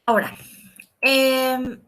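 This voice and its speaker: Woman language teacher, bright tone, patient and repetitive, spells things out. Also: high-pitched, steady tone, very slow. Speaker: English teacher. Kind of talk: recorded online grammar lesson.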